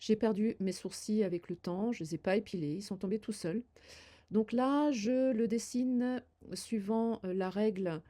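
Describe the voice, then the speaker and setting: A mellow, mid-range voice belongs to an older beauty vlogger who talks a little slowly through a makeup tutorial. She demonstrates as she goes, giving viewers friendly, hesitant pointers sprinkled with many fillers.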